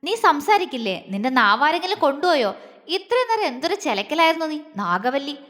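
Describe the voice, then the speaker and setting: Woman reading a cocky young guy in a storybook, sneering and taunting, high voice, long reverb. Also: very animated, fairly quick, a bit bright. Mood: mocking. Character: arrogant, mocking young man.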